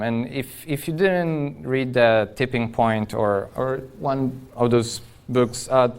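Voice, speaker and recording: A Polish engineer, whose first language is Polish, gives an informal technical talk at a tech conference. His clean, resonant, smooth voice sits at an average male pitch, and he states firm opinions directly to the audience.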